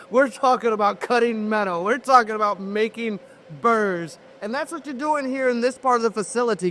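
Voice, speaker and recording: Man, high-pitched voice, factory tour guide, on-camera host, addressing the audience, interviewing. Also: fairly bright tone, a little hiss or hum.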